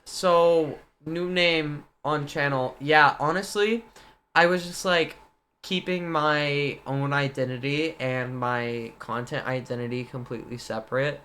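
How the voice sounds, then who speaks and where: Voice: mid-range voice, steady tone, measured pace, a bit bright. A young adult content creator from the US Midwest, chatting casually on a livestream in a playful, joking manner and talking to the chat. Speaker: guest content creator and streamer.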